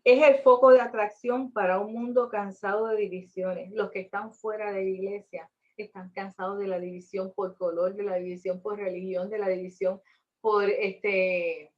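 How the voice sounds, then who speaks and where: A woman's voice: mid-range voice, fairly even intonation, moderate pace, lo-fi sound. A woman teaching a Bible class in an earnest, emphatic way, asking rhetorical questions.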